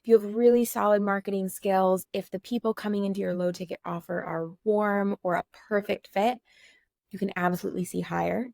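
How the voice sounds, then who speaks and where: A woman co-hosting an online course, explaining in a friendly, practical way with quick asides. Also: medium pitch, fairly even intonation, creaky, darkish tone, no room sound, studio quality. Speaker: course co-host. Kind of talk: casual course walkthrough.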